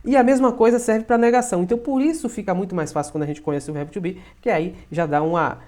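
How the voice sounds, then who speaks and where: A man's voice: high-pitched, steady tone, darkish tone. Brazilian man teaching in a casual way. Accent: Brazilian Portuguese. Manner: peppers sentences with tag questions, slows down to read English examples. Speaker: English teacher. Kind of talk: casual explanatory lesson.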